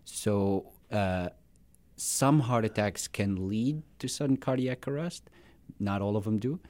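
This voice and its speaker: A man in his thirties from Syria, a cardiologist guest explaining heart conditions in a measured way with frequent hesitations. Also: fairly low pitch, a little mellow. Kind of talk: medical interview.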